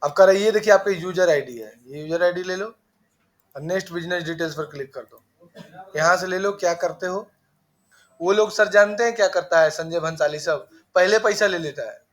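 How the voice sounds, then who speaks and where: A man with a voice that sits high runs a small computer class, brisk and telling students off, with chatty digressions slipped between his instructions.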